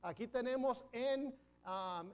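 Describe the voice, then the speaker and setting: A man's voice: very high-pitched, slow pace, darkish tone. Man preaching a teaching sermon. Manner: teaching, checks in with the congregation; joking asides and self-corrections. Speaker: pastor.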